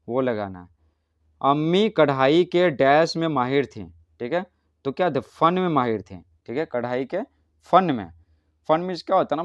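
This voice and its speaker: A man's voice: mid-range voice, no echo, muffled recording. A man teaching a primary school language lesson, patiently asking questions and answering them himself. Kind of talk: explaining a school textbook lesson.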